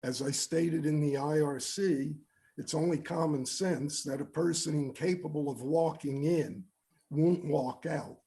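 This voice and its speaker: A man's voice: on the high side, steady tone, measured pace, warm tone. A man reading his prepared statement aloud from notes as the complainant at a public hearing. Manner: reads steadily from notes.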